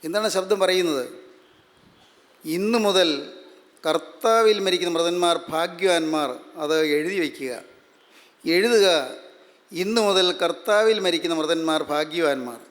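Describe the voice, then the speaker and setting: A man with a Malayali accent preaching a sermon, measured and repeating phrases for emphasis. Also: high-pitched, fairly bright tone. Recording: long hall reverb.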